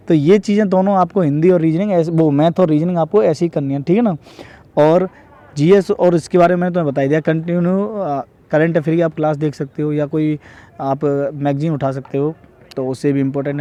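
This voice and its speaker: This exam-prep vlogger, a young man from northern India, has a dark-toned voice on the high side. His advice is casual and repetitive, and he frequently adds tag questions to confirm viewers are keeping up and agree.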